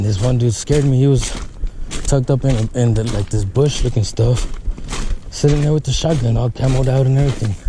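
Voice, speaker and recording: A fishing vlogger with a mid-range voice chats casually to camera beside a river, with noise in the background. He rambles in a relaxed way, frequently says "guys," and at times sounds stuffed up and congested.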